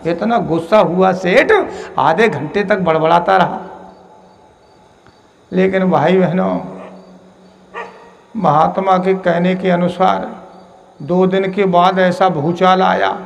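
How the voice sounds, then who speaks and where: Gravelly high-voiced male preacher. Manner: repeats phrases, chants verses slowly. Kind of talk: devotional sermon with storytelling. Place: ashram gathering.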